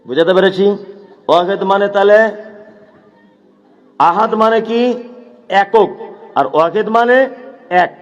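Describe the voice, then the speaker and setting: A man's voice: sits high, animated, a little slow, pauses often, muffled recording. A man preaching a sermon at a madrasa gathering, asking the audience questions and answering them himself, rising to emphatic peaks. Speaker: Islamic preacher.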